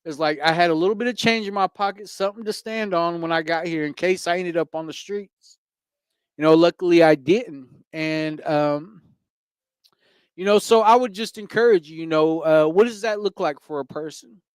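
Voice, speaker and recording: A man's voice: high-pitched, moderate pace, clean tone, no echo. A man co-hosting a casual recovery talk, earnest and rambling, full of "you know" fillers. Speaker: co-host.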